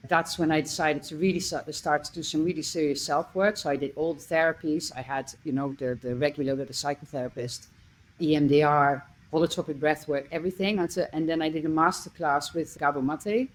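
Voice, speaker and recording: A woman's voice: deep voice, steady tone, a little fast, poor audio. A middle-aged woman from the Netherlands, a coach speaking as a podcast guest and telling her story in an earnest, conversational way. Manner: earnest, listing experiences with small restarts.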